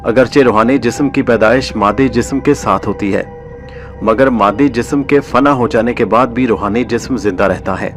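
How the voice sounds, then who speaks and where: A man narrating a story in the first person, measured and formal, with literary diction. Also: medium pitch, soft background music.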